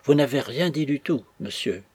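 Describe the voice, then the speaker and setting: A man with a husky voice voicing a timid, servile young knife-grinder who pleads and fades softly at the end of each phrase. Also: mid-range voice, animated, moderate pace, dry recording. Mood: pleading, submissive.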